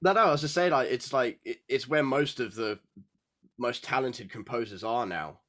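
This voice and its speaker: A male podcast guest in casual conversation, mid-pitched and relaxed. He meanders through his thoughts, leaning on fillers as he goes. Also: normal speed. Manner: relaxed, rambling with many fillers. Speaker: podcast guest, music composer. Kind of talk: casual chat.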